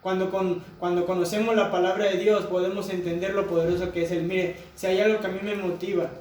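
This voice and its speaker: A man's voice: sits high, flat delivery, a little fast, a little mellow, a little hiss or hum. A man preaching a sermon to a congregation, asking them rhetorical questions. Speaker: pastor. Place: church hall. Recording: echoey church hall from far off.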